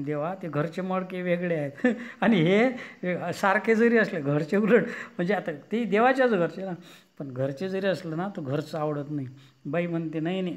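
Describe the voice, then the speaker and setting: Preacher, male, fairly high voice, storytelling sermon, acts out every character with rhetorical asides. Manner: animated storyteller acting out dialogue, frequent "hm?" asides. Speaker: kirtan preacher. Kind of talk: Marathi devotional storytelling sermon.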